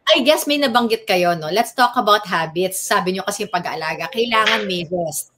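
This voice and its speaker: A woman's voice: mid-range voice, animated, moderate pace, sharp tone. Woman talk show host asking questions. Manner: friendly, asks questions, mixing English and Tagalog.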